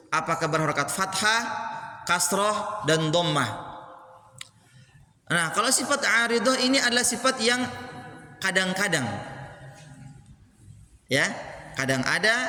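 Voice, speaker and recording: A man teaches a class, patiently explaining and repeating each term. His voice is bright and fairly high. It rings out with a long echo through a large mosque hall. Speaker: Quran recitation teacher. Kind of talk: classroom lesson. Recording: echoey mosque hall, faint ambience.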